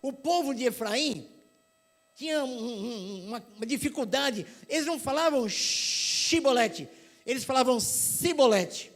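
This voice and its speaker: Pregador paulista de voz bem aguda. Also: male voice, very high-pitched, moderate pace. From São Paulo, Brazil. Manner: animated storytelling, acts out voices. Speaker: preacher. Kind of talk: sermon.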